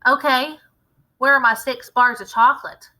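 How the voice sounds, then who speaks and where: A woman voicing a bratty, greedy young boy in a children's story, loud, indignant and insolent. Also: high-pitched, fairly even intonation, normal speed, poor audio. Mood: demanding.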